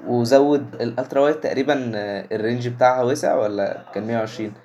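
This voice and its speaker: Fast Egyptian man mixing Arabic and English. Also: mid-range voice, fairly even intonation, a little mellow, muffled recording, a little hiss or hum. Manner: mixes English words and phrases into Arabic. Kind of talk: casual tech discussion.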